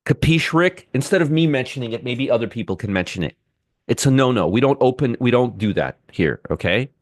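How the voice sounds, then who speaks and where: A man's voice: medium pitch, lively intonation, fairly quick, dry recording, clean studio sound. Repetitive male trading-stream host. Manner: repetitive, talks to chat viewers by name. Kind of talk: live market commentary with chat.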